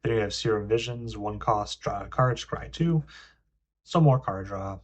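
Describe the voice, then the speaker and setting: A man's voice: on the low side, unhurried. A young man hosting a casual card game review, reading card text aloud between frequent ums and uhs. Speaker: card game video host.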